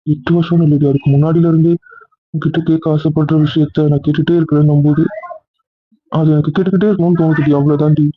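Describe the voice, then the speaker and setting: A man's voice: fairly high pitch, level tone, fast, slight background noise, natural voice. A man voicing an insecure young man who pleads and coaxes his partner again and again. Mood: pleading. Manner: pleading, coaxing, repetitive. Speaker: husband or boyfriend. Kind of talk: Tamil audio drama acting. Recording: tinny phone-like recording.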